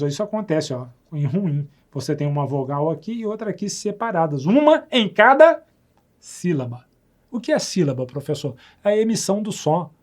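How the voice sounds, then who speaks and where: A man's voice: on the high side, darkish tone. A man with a Brazilian Portuguese accent teaching a grammar lesson, patiently repeating example words and checking that the viewer follows.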